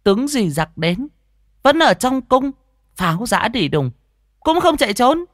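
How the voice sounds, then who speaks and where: A man voicing a cheeky, clever village boy in a ghost story, speaking in a high, teasing voice. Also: very animated, unhurried, a bit bright, dry recording, studio quality, heavily acted.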